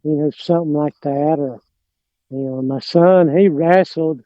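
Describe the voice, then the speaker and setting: A middle-aged lawn care business owner with an Appalachian mountain accent chats casually as a podcast guest, rambling, hesitant and often trailing off. His voice is mellow, on the high side and a little slow. The recording has no room sound, but the highs are cut off.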